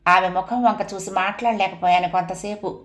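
A woman narrating a first-person family story in a steady, even audiobook reading. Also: mid-range voice, moderate pace.

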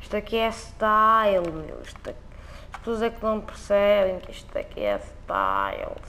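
High-pitched with big pitch swings and a sharp tone, this man speaks at a moderate pace, with a little hiss or hum in the audio. He's commenting casually on a video game in a European Portuguese accent, full of joking, slangy, repetitive banter.

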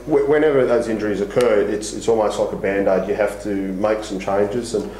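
A middle-aged man, a basketball coach, speaks frankly at a post-match press conference, with lots of fillers and restarts. His voice sits on the low side, with fairly even intonation, a brisk pace and a warm tone. He's at a table mic on a stand in a small press room in front of a sponsor backdrop, and the echoey recording carries a faint hiss.

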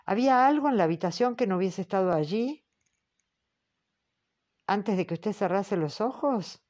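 A woman reading the part of a formal man questioning a witness, slow and patient. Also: mid-range voice, animated, a little mellow, lightly acted. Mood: probing. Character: measured male examiner, formal and patient. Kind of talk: audiobook character reading.

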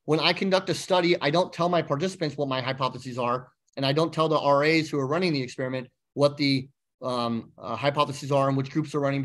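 A man giving a lecture as a university instructor to law students. He explains step by step, often filling pauses with "um" and checking in with "okay?". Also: fairly high pitch. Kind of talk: lecture presentation.

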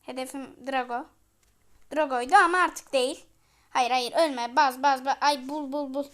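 A woman with a high, bright voice gives excited live commentary over her gameplay. She chants single words again and again at the action and turns now and then to address the viewers as friends. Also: normal speed. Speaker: gamer and channel host.

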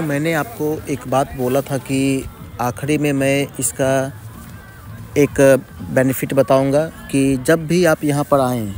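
A man's voice: mid-range voice, darkish tone. A man narrating a casual travel vlog at a riverside picnic spot, talking to viewers like friends. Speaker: travel vlogger.

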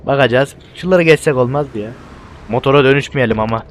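A young man casually commentating a video game, excitable and bantering, often shouting at what happens on screen. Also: medium pitch, fast talker. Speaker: gameplay video host.

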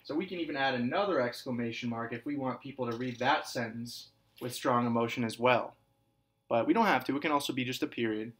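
A man teaching kindergarten and first grade in a recorded video lesson. He repeats each point slowly and clearly for young children, calling them scholars, and gives example sentences a lively, sing-song emphasis. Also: mid-range voice.

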